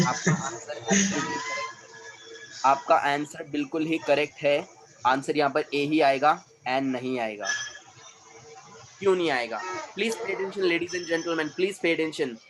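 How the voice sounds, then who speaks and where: A man's voice: on the high side, a little slow, background noise. A man with an Indian accent teaching English grammar to a class, emphatic and drilling sounds over and over. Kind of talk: classroom lecture.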